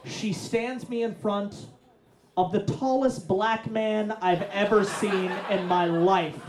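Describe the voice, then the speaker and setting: Profane stand-up storyteller, roomy echo. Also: male voice, sits high, slow pace, background noise. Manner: profane, deadpan build to punchlines. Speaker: stand-up comedian.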